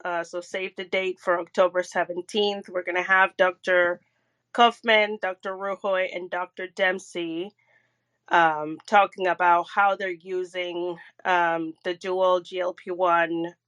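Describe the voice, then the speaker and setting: A woman giving a measured, hesitant account of a meeting in a casual online audio-room discussion. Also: on the low side, little pitch movement, fairly bright tone, smooth. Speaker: patient advocate and organizer.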